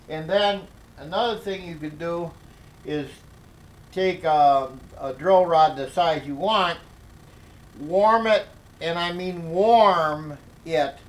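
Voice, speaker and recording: An older man explaining a workshop project at his workbench, talking slowly with many fillers and restarts. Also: on the high side, rough recording. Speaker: DIY workshop instructor. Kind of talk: hands-on workshop tutorial.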